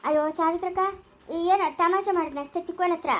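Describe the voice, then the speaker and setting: A woman plays a cheeky young village prankster in a homemade family skit, speaking rural Chikkaballapura Kannada. She teases and pleads in a very high, quick voice. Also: steady tone. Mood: pleading.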